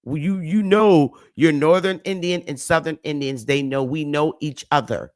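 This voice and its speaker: Her voice is low and darkish, moving at a moderate pace, captured in clean studio sound with no room sound. She's a livestream host with a Northern US accent who lectures viewers emphatically, repeating herself and urging the chat to respond.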